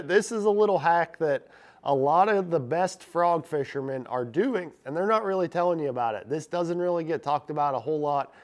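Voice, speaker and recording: A man with a slightly high, raspy voice hosts a casual fishing how-to vlog, sounding a bit stuffed up and congested. He talks straight to his viewers in a chatty, upbeat way. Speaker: fishing channel host.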